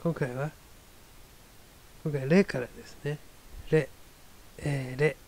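Gravelly man musing in a casual monologue. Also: fairly high pitch, steady tone, slow pace, a little mellow. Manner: rambling, wry, self-deprecating musing. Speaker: solo talk show host.

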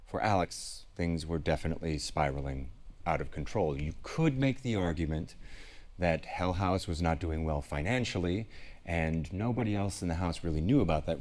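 Very deep-voiced analytical man. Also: a little mellow. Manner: measured, speculative, pausing between phrases. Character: ominous, analytical male interview guest. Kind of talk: mock documentary interview in horror film.

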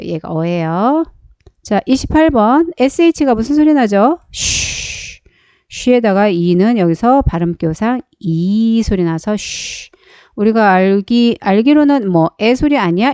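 A woman's voice: mid-range voice, expressive, moderate pace, mellow, smooth, no room sound. A woman teaching a beginner phonics lesson step by step, patiently asking questions and then answering them herself.

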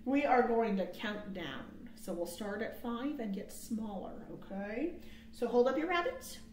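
With a fairly high, expressive voice, a children's librarian in her thirties from America leads storytime read-alouds and counting rhymes in a sing-song, stretched-out style. She's recorded on a webcam in a small, quiet indoor room that sounds roomy, with a little background noise.

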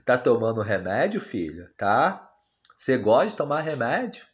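A man filming a casual family vlog, talking gently and dotingly to his baby daughter. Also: medium pitch, very animated, moderate pace, highs cut off.

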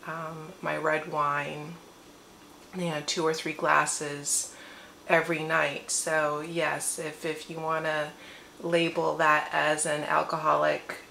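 A woman's voice: sits low, level tone, slow, vocal fry, sharp tone, a little hiss or hum. A woman vlogging a rambling personal testimony at home in her morning voice. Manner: long-winded, rambling. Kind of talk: casual personal testimony to camera. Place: her living room at home. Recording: roomy echo with faint ambience.

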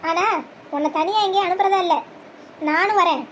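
A performer doing a defiant young husband, squeaky high. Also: male voice, fairly quick, a bit bright, slight background noise. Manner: firm, defiant. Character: stubborn young husband defending his wife. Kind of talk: scripted family drama voice acting.

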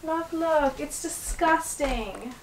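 A young woman in her twenties chatting casually to camera in a travel vlog, animated and exclaiming as she talks. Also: sits high, slow pace, a little hiss or hum, rough recording. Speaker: vlogger. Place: small container home and outdoor deck. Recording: music playing over the talk.

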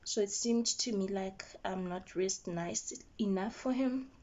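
Young woman vlogger, unhurried and indignant storyteller, muffled lo-fi recording. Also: medium pitch. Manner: animated, indignant retelling with quoted dialogue. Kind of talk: get-ready-with-me storytelling. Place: at home doing makeup.

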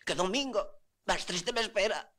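An actor playing a guilty, hungover husband in a film comedy, stammering and flustered like a drunk. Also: male voice, sits high, expressive, moderate pace, bright, forceful tone. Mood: plaintive excuses.

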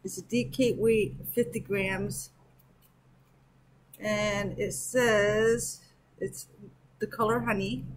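A woman's voice: mid-range voice, fairly even intonation, takes it slowly, long pauses, rough recording. A woman hosting her own crochet channel, chatting casually through a yarn review and thinking aloud as she stitches and counts at home. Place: at home with an air conditioner running.

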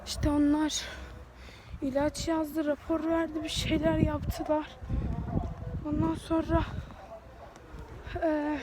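A young woman with a cold, congested and sore-throated, chatting casually as she walks outdoors and films herself on a phone at arm's length. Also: high voice. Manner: rambling, chatty, self-mocking. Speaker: vlogger. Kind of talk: casual walking vlog. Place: outdoors on town streets. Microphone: phone held at arm's length.

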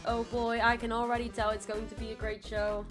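A woman doing a booming robot quiz-show host. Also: completely flat delivery, over music, natural voice. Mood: showy. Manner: slow, drawn-out announcer delivery. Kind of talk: gameplay voice-acting.

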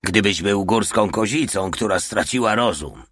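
A man's voice: on the low side, lively intonation, normal speed, fairly bright tone, slightly rough, no room sound, studio quality. A man voicing a grim, sardonic commissar in an audiobook reading. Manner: sardonic, warning. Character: wry, grim male commissar, middle-aged. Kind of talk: audiobook character voice.

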